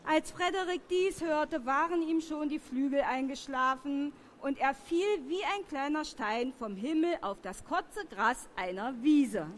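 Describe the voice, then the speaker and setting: High-pitched lady reading a kids story real slow, asks the children stuff, faint room noise.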